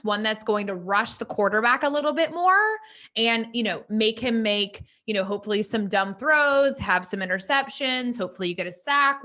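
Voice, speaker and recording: A young woman co-hosting a casual sports podcast, chatty and animated, peppering her talk with "like". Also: fairly high pitch. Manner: chatty, heavy use of "like", animated. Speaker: podcast co-host.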